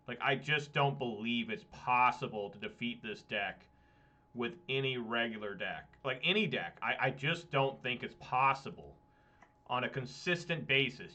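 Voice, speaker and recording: Bright-voiced man muttering over gameplay. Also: mid-range voice. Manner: muttering, casual, exasperated asides. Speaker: streamer playing an online card game. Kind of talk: thinking aloud over gameplay.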